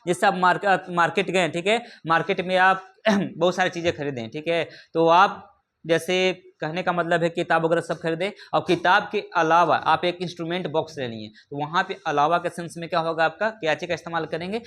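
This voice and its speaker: A man with a high voice teaches a classroom vocabulary lesson. He keeps stopping to ask his learners questions and to check that they follow along. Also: steady tone, fairly quick, a bit bright. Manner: repeats "ठीक है ना" and asks rhetorical questions; addresses learners familiarly. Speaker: English teacher.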